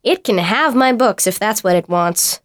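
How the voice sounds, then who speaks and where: A woman reading a storybook, voicing a curious, hushed young girl. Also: mid-range voice, expressive, normal speed, close to an everyday voice. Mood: wary. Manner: hushed, wary.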